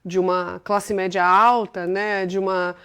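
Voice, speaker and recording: A woman's voice: mid-range voice, little pitch movement, a little slow, a bit bright, clean tone. A woman in her forties from Brazil, a company CEO telling her life story as an interview guest, chatty and enthusiastic, peppering her talk with little tag questions. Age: 40s. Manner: chatty, full of filler tags, enthusiastic storytelling.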